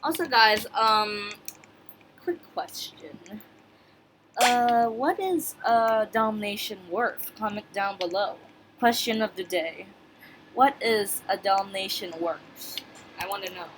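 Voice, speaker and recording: A woman's voice: mid-range voice, takes it slowly. A woman hosting her own gaming channel, rambling through casual gameplay commentary with many fillers and restarts while chatting straight to her viewers. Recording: clear background noise with clicks.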